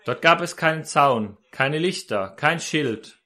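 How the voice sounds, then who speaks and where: A man's voice: fairly high pitch, lively intonation, takes it slowly, pushed and bright. A man preaching a sermon, telling a story and speaking directly to his listeners.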